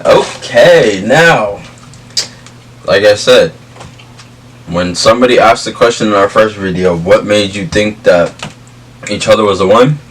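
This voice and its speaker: A man's voice: lowish voice, measured pace, pauses often, fairly bright tone. A young adult man chatting casually and telling stories in emphatic, slangy speech. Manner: slangy, emphatic, checks in with "you feel me" and "bro". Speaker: vlog co-host. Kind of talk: casual storytelling chat. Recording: distant mic, faint background noise.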